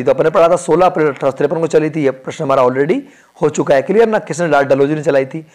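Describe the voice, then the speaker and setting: Man, teacher, fairly high voice, exam-prep lesson, answers his own quiz questions, repeats key facts. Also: darkish tone. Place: indoor room where he films.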